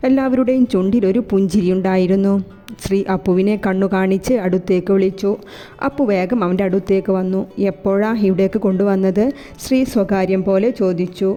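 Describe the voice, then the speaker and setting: A woman's voice: mid-range voice, fairly quick, dark tone. A woman reading a romance novel aloud, voicing the narration and every character's lines in her own voice. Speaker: storyteller. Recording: long reverb with faint background music.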